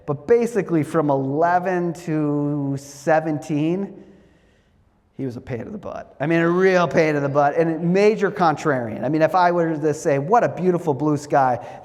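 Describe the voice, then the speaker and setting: A middle-aged man lectures in a wry, lively storytelling manner. His fairly high voice rings out with a long reverb, as if heard across a church sanctuary. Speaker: guest lecturer.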